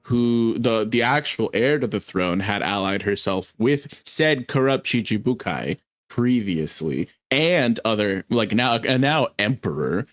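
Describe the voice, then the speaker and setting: A man in a casual podcast chat, teasing and wordy, halting as he builds long arguments. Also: on the low side, expressive, dry recording. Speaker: podcast co-host. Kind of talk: casual chat, mock debating.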